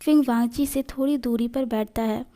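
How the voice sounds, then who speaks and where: A woman reads a fan fiction story aloud at an even, steady pace. Her voice sits fairly high, with a dark, mellow tone. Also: moderate pace.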